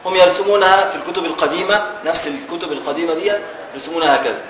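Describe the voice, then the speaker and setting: A man's voice: on the high side, steady tone, racing, roomy sound, lo-fi sound, crowd noise. A man with an Egyptian Arabic accent teaching a classical religious text. He reads passages, then explains them in colloquial speech and repeats his key phrases.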